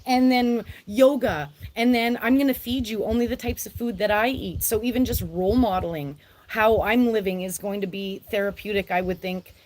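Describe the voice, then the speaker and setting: A woman's voice: medium pitch, normal speed, few pauses, darkish tone. A woman who works as a social worker, hosting a live stream with effusive, rambling talk and frequent laughter, recorded on an outdoor deck. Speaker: spiritual vlogger and social worker.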